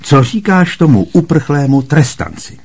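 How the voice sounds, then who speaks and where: A man's voice: on the high side, big pitch swings, creaky, darkish tone, slightly rough, pitched above the performer's own voice, heavily acted. Man voicing a fussy eager uncle. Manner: brisk, placating, quick to change the subject.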